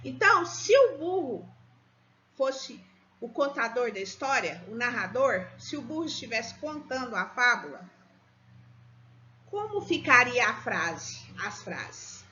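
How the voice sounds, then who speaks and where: A woman, a primary school teacher giving a recorded remote lesson and explaining things slowly and patiently to children. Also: on the high side, very animated, sharp tone, a little hiss or hum. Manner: slow, patient, speaks to children as "tia". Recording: dull lo-fi home recording.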